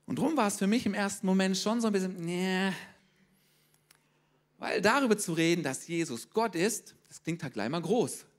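A man preaching a sermon as pastor, lively and speaking straight to his congregation, often checking in with a quick question. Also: high-pitched.

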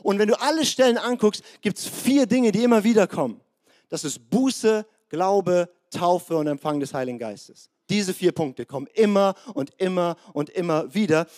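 A high-voiced man preaching in a loose, conversational way, dropping into little voices for the people in his stories. His voice sounds slightly strained today, and he keeps the congregation close with quick asides. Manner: lively, conversational, acts out biblical voices. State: strained voice this morning. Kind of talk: sermon.

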